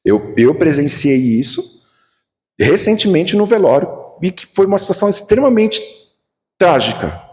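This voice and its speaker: A man with a Brazilian accent gives a Spiritist lecture. He tells personal stories in an animated way and acts out the dialogue. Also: fairly high pitch, moderate pace. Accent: Brazilian Portuguese. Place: Spiritist center lecture hall. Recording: long reverb of a lecture hall.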